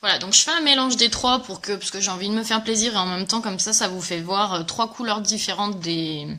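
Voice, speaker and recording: A woman's voice: medium pitch, fairly quick, sharp tone. A woman presenting a casual live makeup tutorial, chatting enthusiastically with viewers and greeting them as she demonstrates. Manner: chatty and enthusiastic, many fillers.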